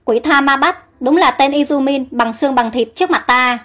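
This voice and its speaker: A woman voicing a wicked, scheming royal woman in an audio storybook, spiteful and vengeful, in a high voice. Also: moderate pace, fairly bright tone, faint music behind. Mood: scornful.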